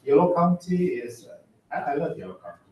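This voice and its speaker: A man who grew up in Malaysia, speaking as a county medical director at a public board meeting in a relaxed, chatty way with light self-deprecating humor. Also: fairly high pitch, brisk. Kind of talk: informal introductory remarks at a public board meeting. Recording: echoey meeting room, mic at a distance.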